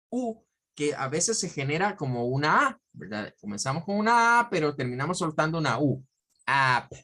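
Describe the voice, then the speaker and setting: Male teacher drilling English words slowly. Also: on the high side, fairly bright tone. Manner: slow, drawn-out model words repeated several times; explanatory, often checking with "¿verdad?". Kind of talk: pronunciation lesson.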